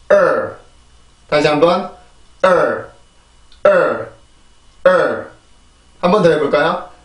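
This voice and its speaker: Guy teaching pronunciation, kinda high voice, bit far from the mic in an echoey room. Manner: patient, demonstrates sounds by repeating them. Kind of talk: explanatory video lesson.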